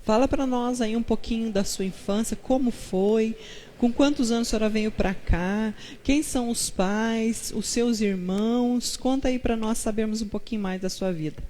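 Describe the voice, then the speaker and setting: A woman's voice: fairly high pitch, normal speed, dark tone, slight background noise. A woman pastor hosting a live-stream chat, greeting viewers and asking her guest questions. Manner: fervent prayer, then chatty greetings to viewers.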